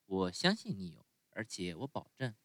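A man voicing a gentle, motherly fairy woman in a calm, soft way of speaking. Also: deep voice, normal speed, no room sound.

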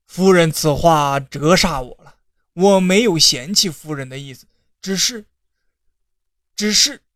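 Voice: mid-range voice, animated, measured pace, a bit bright, no echo, studio quality. A storyteller voicing a failed male scholar in his thirties who speaks formally and feigns righteous restraint.

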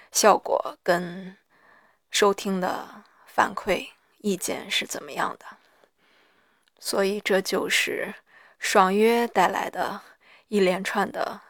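Female diarist, gravelly and hoarse, very slow and reflective, pausing mid-thought, mid-pitched. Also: a bit bright, no echo, clean studio sound. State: hoarse after an hour of reading aloud. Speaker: solo audio diarist. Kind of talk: personal audio diary, reflective monologue.

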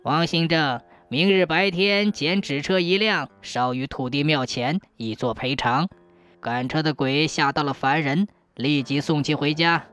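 Woman doing a deep old earth god. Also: fairly bright tone, faint music behind. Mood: solemn. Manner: slow, low chuckling judgment. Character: old male earth god, calm and judging.

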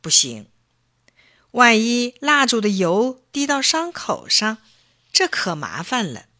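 A woman voicing a serious, cautious male doctor in a children's story, speaking in measured warnings. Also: a little high, very animated, bright, forceful tone, heavily acted. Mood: grave. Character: grave adult male doctor, worried and cautious.

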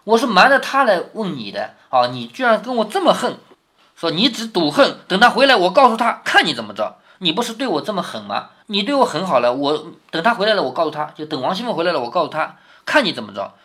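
Man reading aloud with lively commentary. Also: high voice, fast. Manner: explains and asks rhetorical questions. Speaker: father reading to his daughter.

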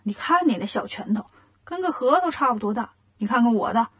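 A woman's voice: a little high, lively intonation, a little fast, breathy edge. A woman voicing a boastful, mocking male monster king in a children's storybook. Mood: taunting.

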